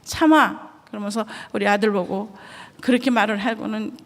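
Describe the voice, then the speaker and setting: A woman's voice: mid-range voice, normal speed. A middle-aged woman from Korea, a missionary giving an earnest, emotional church testimony. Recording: echoey church hall.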